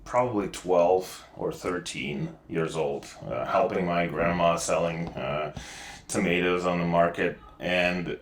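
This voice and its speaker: Middle-aged Ukrainian-accented man, deep voice, halting with fillers, echoey room; interview guest. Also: steady tone, slight background noise. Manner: hesitant, many fillers and restarts. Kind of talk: casual interview.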